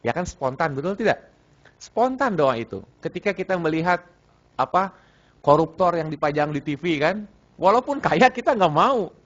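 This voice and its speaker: A man's voice: a little high, big pitch swings, moderate pace, a bit bright. Man preaching in a casual, repetitive way. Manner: conversational, repeats phrases, asks the audience questions, teases listeners. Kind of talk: Sunday morning religious study talk. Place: mosque. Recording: muffled lo-fi recording.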